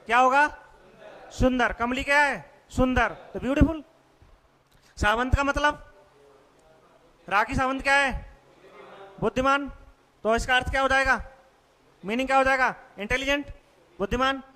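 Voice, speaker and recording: A man's voice: very high voice, bright, forceful tone, long reverb tail. A male teacher giving a classroom vocabulary lesson, quizzing students with repeated questions. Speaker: English teacher.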